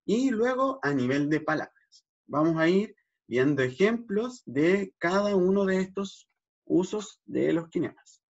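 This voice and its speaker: On a dull, lo-fi recording, a high-voiced man who works as a speech therapist walks through vowel gestures at a measured pace. His intonation is lively, and he frequently checks in while exaggerating his articulation to demonstrate the sounds.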